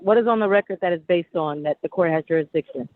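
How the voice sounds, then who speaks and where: A woman's voice: lowish voice, quick pace, no echo. A woman calling into a court hearing over a clipped phone line, arguing in an insistent, legalistic way and repeating her claims. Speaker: tenant defendant appearing remotely. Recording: tinny dry phone line.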